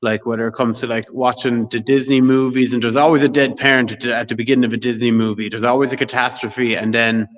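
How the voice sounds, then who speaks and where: A man's voice: medium pitch, fairly bright tone, muffled recording. A man talking casually as a guest on a live stream, rambling and often asking "you know what I mean". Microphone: video call.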